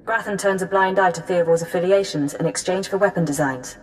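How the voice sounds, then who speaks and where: A woman's voice: on the low side, fairly quick, slight background noise, close to an everyday voice, poor audio. An actress playing an efficient intelligence handler, clipped and businesslike as she briefs. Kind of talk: scripted game dialogue.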